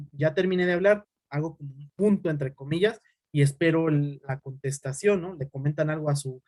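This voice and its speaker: A fast-talking young man gives an online lecture, recorded dry and close on a computer microphone. His voice sits a bit high for a man, and he keeps tossing quick check-ins to his class. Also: darkish tone, no room sound. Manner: fast-talking, uses "¿sale?" as a tag. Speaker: teacher.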